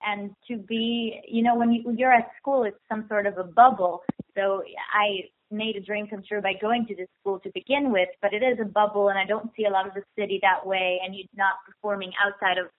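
A woman's voice: medium pitch, fairly even intonation, brisk. A young woman, heard over a telephone line as an interview guest, talking eagerly and often repeating words for emphasis. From Israel. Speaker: guest actress. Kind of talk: phone interview. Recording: tinny phone line.

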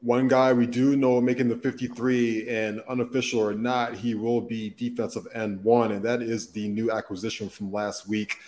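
A man filling in as co-host on a football talk show, setting up questions and giving measured opinions in casual talk. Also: medium pitch, flat delivery, a little mellow. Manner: asks questions, then gives measured opinions. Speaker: substitute co-host.

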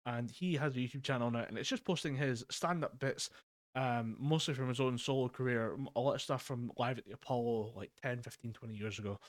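A young man from Scotland co-hosts a relaxed podcast, speaking briskly in a medium-pitched voice with fairly even intonation. The recording is dry, made on a home mic over a voice call, and his stories wander, punctuated by plenty of swearing and laughter.

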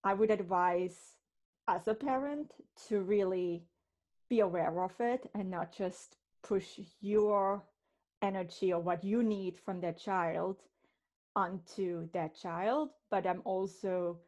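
A Swiss woman who is a podcast host and medium talks casually in a mid-range, slightly mellow voice, taking her time. She tells stories earnestly and reflectively, restarting now and then.

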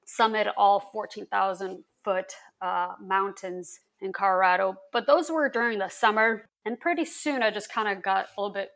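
A woman from Lithuania, a guest on a podcast, telling stories in a lively, animated, casual way. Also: medium pitch, moderate pace, few pauses. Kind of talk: casual interview chat.

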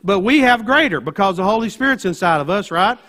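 A man's voice: high voice, animated, fairly quick, pushed and bright. A man with an Appalachian accent preaching a sermon as a pastor, in a folksy storytelling manner, often checking in with his listeners.

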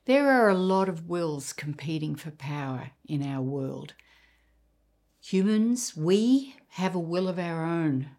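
A woman preacher delivering a sermon, emphatic, with dramatic pauses and repeated words. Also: fairly low pitch, animated, a little mellow.

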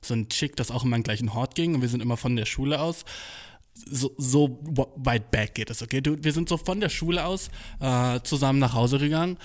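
A man's voice: medium pitch, a little fast. A young man doing a casual solo podcast, talking in heavy slang laced with English swearing, recorded on a cheap smartphone in a makeshift home studio. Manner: slangy, full of English swearing, "Bro" and "Dude".

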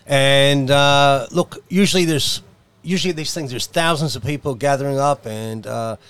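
A man's voice: medium pitch, moderate pace, a bit bright, smooth. A man with an Australian accent chatting casually on a podcast panel in a blunt, colloquial manner. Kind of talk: casual chat.

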